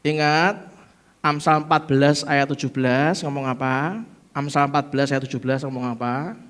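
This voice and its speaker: A middle-aged man with a Javanese accent preaching a sermon, swinging between loud exclamations and soft asides and throwing rhetorical questions at the congregation. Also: mid-range voice, fairly even intonation, normal speed, smooth. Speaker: pastor.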